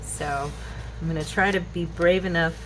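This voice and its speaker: Working at a craft table in her home, a craft channel host in her fifties rambles and thinks out loud through a relaxed tutorial. Her fairly low voice is steady and a bit bright, at a moderate pace, in a noticeably noisy recording.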